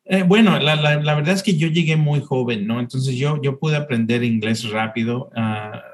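A man's voice: mid-range voice, normal speed. A middle-aged man from Chile, a podcast guest telling his story in a chatty way, often restarting and repeating words. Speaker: podcast guest, city tourism promoter. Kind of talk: casual interview.

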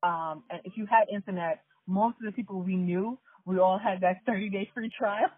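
A woman in her thirties or forties from the New York area, hosting a casual chat and telling stories in an animated way. She laughs often and talks straight to her listeners. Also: medium pitch, normal speed, husky, no room sound. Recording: tinny phone-like line, dry, faint music.

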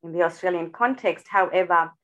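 A woman educator from India, a podcast guest, answers interview questions thoughtfully, often restarting and using fillers. Her voice sits fairly low and moves fairly quickly. The recording is rough.

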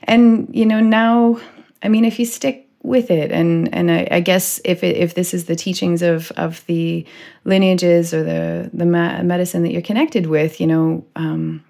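A woman's voice: on the low side, steady tone, a little slow, gravelly, dark tone. A woman hosting a casual podcast conversation, rambling with lots of "like" and "you know". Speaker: podcast host.

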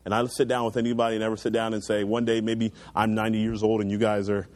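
A man's voice: fairly low pitch, flat delivery, fast, a little mellow. A young man preaching a sermon to a youth group, earnest and emphatic, pushing his voice up on key points and then settling into a prayer. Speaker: youth pastor.

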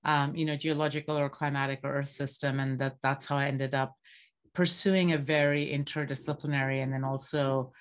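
A woman with a low voice speaks in measured, academic sentences. She is a geography professor from Bangladesh, thinking aloud as she answers interview questions. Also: little pitch movement.

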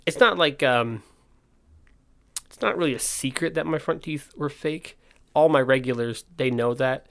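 A man's voice: mid-range voice, moderate pace, gravelly, fairly bright tone. A man hosting a casual solo podcast, talking candidly and interrupting himself, with a slight lisp from his missing front teeth. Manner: informal, self-interrupting, candid rambling. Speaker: podcast host and skate park owner.

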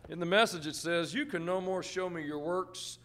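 A man's voice: sits high, normal speed, a bit bright. A man reading scripture aloud as a supporting voice in a church sermon. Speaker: scripture reader and responder.

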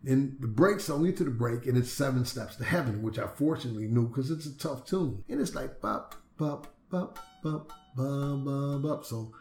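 Jazz bassist spinning stories in an echoey room. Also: male voice, fairly quick, hardly any pauses, a little mellow, faint music behind. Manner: acts out the voices of people he quotes, laughs often. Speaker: jazz bass player telling stories. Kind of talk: anecdotal storytelling. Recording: roomy echo.

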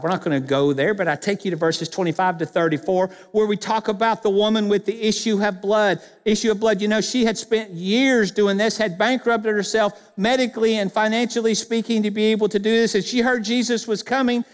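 A man preaching a sermon as pastor, emphatic and dropping his voice low on key phrases. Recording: long hall reverb.

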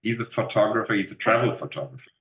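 A German-accented actor in his fifties chats through a casual interview, rambling with fillers and restarts. His voice sits on the low side, animated and fast, with a noisy crowd behind him and a roomy echo on the recording.

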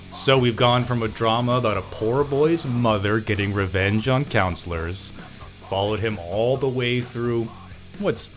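A man with a medium-pitched voice hosts a comedic podcast. He announces theatrically and chats along, with faint music around the voice. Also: a bit bright. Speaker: podcast host. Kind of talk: comedic hosting and chat.

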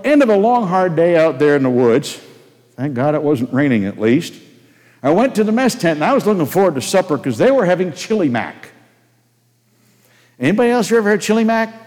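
A man's voice: on the high side, a little mellow. An older man preaching a sermon, folksy and anecdotal, telling personal stories and asking the congregation questions. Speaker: pastor. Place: church sanctuary. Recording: long hall reverb. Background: long hall reverb.

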